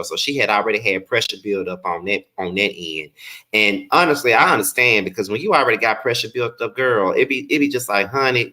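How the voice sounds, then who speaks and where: A man's voice: medium pitch, sharp tone, rough recording. A man with a lisp and slushy s sounds, giving sassy, slangy, chatty live commentary as a review host. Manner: sassy, slangy, emphatic with swearing.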